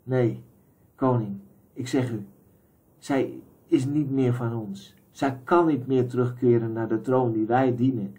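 A man voicing a wounded messenger who speaks slowly and pensively, word by word. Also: mid-range voice, steady tone, lightly acted. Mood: wistful. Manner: slow, pensive, measured. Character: dreamy awestruck male messenger, wounded.

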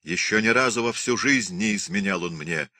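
A man's voice: on the low side, expressive, slow, sharp tone, no echo, clean studio sound, full character voice. A man voicing a proud, hot-tempered young Cossack husband, speaking sternly and commandingly. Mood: defiant.

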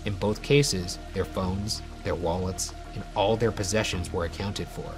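Low-voiced man reading over music. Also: steady tone, unhurried. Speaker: host and story reader. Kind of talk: horror story reading and casual chat. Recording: music playing underneath.

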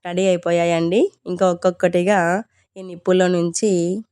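A woman vlogger talks straight to her viewers in a polite, chatty way. Her voice is on the low side and stays very even in pitch. The sound is dry and close, as she explains things casually. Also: normal speed, clean tone, no room sound. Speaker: home vlogger. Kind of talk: casual vlog narration addressed to viewers.

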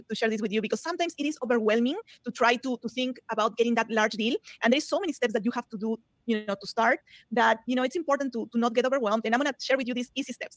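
A woman's voice: a little high, no room sound. A woman from Peru giving a webinar presentation on real estate, talking eagerly with many fillers over a computer mic, in a recording that is played sped up.

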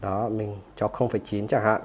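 A man hosting a phone tutorial, explaining each step casually and often pausing with "rồi" between steps. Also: on the low side, flat delivery, a little hiss or hum. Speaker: tech tutorial host.

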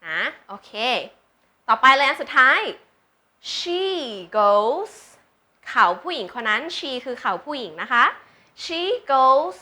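A woman's voice: sits high, lively intonation, slow pace, pushed and bright. A woman tutoring beginners in English, patient, asking learners questions and drawing out example words for them to repeat. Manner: patient, checks understanding with questions. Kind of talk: slow teaching with example sentences.

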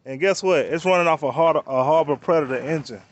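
A man's voice: on the high side, a little fast, muffled recording, slight background noise. A man talking in a laid-back, slangy, rambling way as he vlogs outdoors on a rural property, filming with a handheld camera. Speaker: vlogger. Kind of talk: casual walk-around vlog.

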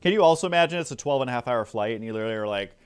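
Animated man chatting over a game. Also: medium pitch, racing, clean tone. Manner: chatty, reacts and jokes while reading game text. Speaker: gaming YouTuber. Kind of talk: let's play commentary. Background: game music.

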